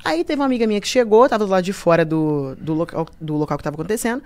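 A woman's voice: mid-range voice, rapid-fire. A woman, a podcast guest, telling stories in casual chat and acting out the other people in them. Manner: animated, acts out other people's voices while telling stories.

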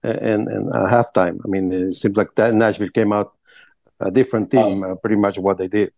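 A reporter asking a long, halting question at a press conference, repeating words as he goes. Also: lowish voice, fairly even intonation, creaky, a little mellow, dry recording.

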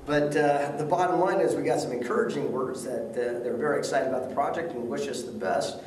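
Narrating a casual documentary vlog across various indoor and outdoor settings, a man in his forties keeps things upbeat and chatty, with frequent laughter. His medium-pitched, darkish voice moves a little fast, recorded from a distance in a roomy space with slight background noise.

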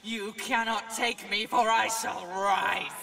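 A fierce spirit tiger in a game, growling threats slowly through gravel and grit. The voice is bright and hard-edged. It rings from far off in a long echo, with music under it. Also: female voice, mid-range voice, fairly even intonation, full character voice. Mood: vengeful. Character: vengeful female ghost tiger, fierce. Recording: echoey, distant, with music.

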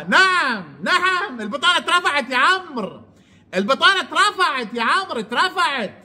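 Angry mocking man, high lively voice. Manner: mocking, insulting, sarcastic. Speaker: online commentator. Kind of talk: angry ranting commentary.

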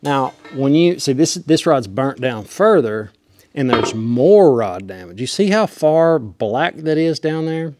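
A man's voice: mid-range voice, lively intonation, measured pace, darkish tone. A man in his forties teaching welding in a small indoor workshop, talking in a folksy, emphatic way and demonstrating as he goes, on a lapel mic. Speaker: welding instructor. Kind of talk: hands-on how-to demonstration. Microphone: clip-on lapel mic.

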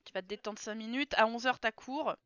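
Woman streamer, high bright voice, chatty live play-by-play, talks to her characters. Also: a little fast, smooth, no echo, muffled recording. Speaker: game streamer. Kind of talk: casual live gameplay commentary.

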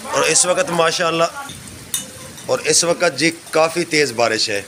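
A man's voice: a little high, gravelly, noisy background. Chatty Pakistani man vlogging in rain. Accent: Pakistani Urdu. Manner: chatty and devout, often saying mashallah. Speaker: village vlogger filming and narrating. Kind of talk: casual vlog narration. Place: rural courtyard in the rain, outdoors.

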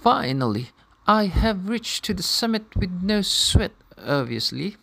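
A man's voice: high voice, very animated, measured pace, vocal fry, no room sound. A young man presenting a hiking vlog as a vlogger, partly in scripted narration. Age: young adult. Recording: loud music over the voice. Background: loud music.

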